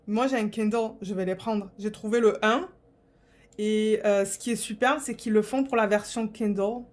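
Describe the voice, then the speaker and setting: A woman's voice: medium pitch, fairly even intonation, moderate pace. Chatty young woman vlogging casually. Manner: rambling, chatty, many fillers and restarts. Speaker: diamond painting vlogger. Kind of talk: casual chat to camera.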